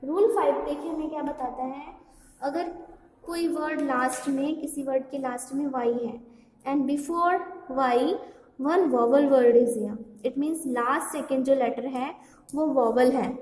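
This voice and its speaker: Woman, English teacher, slow and methodical, spells out words and quizzes the class, recorded in a very echoey room. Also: sits high, darkish tone, distant mic. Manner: asks the class questions and checks "okay?". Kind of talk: classroom grammar lesson. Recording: echoey hall with faint background noise.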